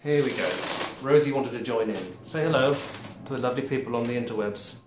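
A man in his forties chatting casually to camera as he tastes snacks, halting and muttering between bites. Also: medium pitch, over music. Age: 40s. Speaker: food review vlogger. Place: small glazed conservatory. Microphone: camera a short distance away. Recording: roomy echo, clear background noise.

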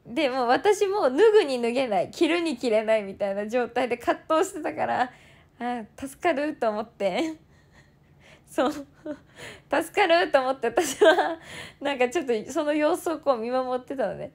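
A young woman in her twenties, chatting as she tells a story. Her voice sits high and jumps around a lot. She acts out what others said in quick bursts and laughs often. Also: animated. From Toyama, Japan. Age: 20s. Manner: fast bursts of quoted speech. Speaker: idol turned streamer. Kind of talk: casual storytelling chat.

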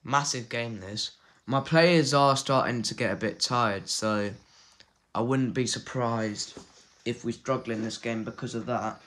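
A man talks through a football video game in a loose, chatty way, reacting out loud to each result and swearing now and then. His voice is bright and forward, sitting at an ordinary pitch. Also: measured pace, slight background noise. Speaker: gaming channel host. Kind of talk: casual gameplay commentary.

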